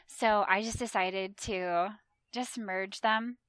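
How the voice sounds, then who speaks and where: This woman, a travel agent in her thirties, talks slowly in a clear, resonant, medium-pitched voice with no echo. As a guest on a podcast, she keeps the casual interview chatty and animated, imitating people's voices in the quotes she retells.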